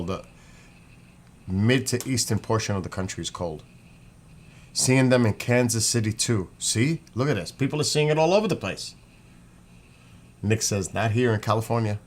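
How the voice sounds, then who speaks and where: A man's voice: lowish voice, moderate pace, long pauses. A man with a New York accent chatting casually as a livestream host, rambling as he greets commenters and reads out what they write. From New York state, United States. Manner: rambling, chatty, breaks off to read names and comments. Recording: clear background noise, room ambience.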